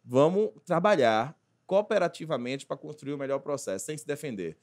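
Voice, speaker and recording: A man, a consultant talking as a podcast guest, animated and acting out little dialogues. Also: a little high, normal speed. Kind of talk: casual podcast conversation.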